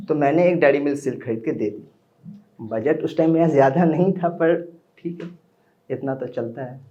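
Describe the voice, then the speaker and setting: A man's voice: medium pitch, dark tone, muffled recording. A young man telling a personal story at an open mic, chatting with the audience in between. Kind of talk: live storytelling performance. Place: small indoor open mic venue.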